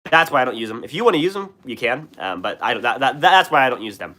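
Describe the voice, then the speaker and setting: Here the young host's medium-pitched voice turns sing-song and quick, bright and forceful. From Washington State and speaking with a US West Coast accent, he casually answers viewers on his livestream. He's sick, coughing and clearing his throat, and his speech rambles with fillers and restarts.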